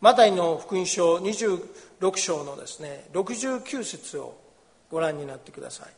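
A man, a pastor, giving a sermon with Bible reading, explaining gently in a conversational way in a church. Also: sits high, expressive, moderate pace. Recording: long reverb of a large hall.

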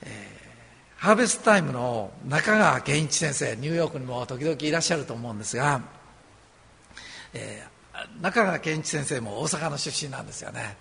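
A man from Osaka, Japan preaching a sermon as a pastor, earnest and conversational with gentle humor. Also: mid-range voice, animated, moderate pace, creaky, slightly rough. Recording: long hall reverb.

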